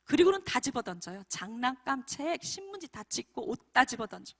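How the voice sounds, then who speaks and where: Lively woman preaching a story sermon. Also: sits high, brisk. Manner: animated storyteller, often addressing the congregation directly. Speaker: missionary preacher. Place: church prayer meeting.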